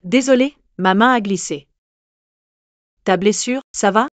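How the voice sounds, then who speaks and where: An actress dubbing a feisty, sharp-tongued young waitress in a drama series, blunt and teasing. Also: female voice, mid-range voice, a little slow, no room sound, natural voice. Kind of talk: French dub of a drama series.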